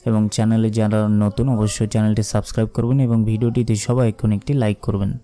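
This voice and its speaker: A man with a Bangladeshi Bengali accent teaching correct Quran pronunciation, repeating words slowly and breaking into a rising melodic chant to recite. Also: on the low side, level tone, mellow.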